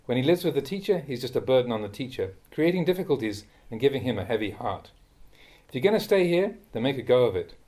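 A man, a monk, reading a Dhamma talk aloud in a measured, admonishing way that rises sharply when he scolds. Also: mid-range voice, sing-song, mellow. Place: monastery.

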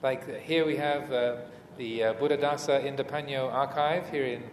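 In a large, echoing hall with some background noise, a Buddhist monk teacher delivers a reflective dharma talk. His medium-pitched voice stays steady as he teaches in measured short phrases, pausing often while the room's reverb trails each word.

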